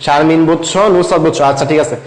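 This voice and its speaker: A man's voice: on the high side, fairly even intonation, racing. A young man teaching a live online class, repeating his questions and reading out student comments in a conversational way. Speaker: online tutor. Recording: echoey room.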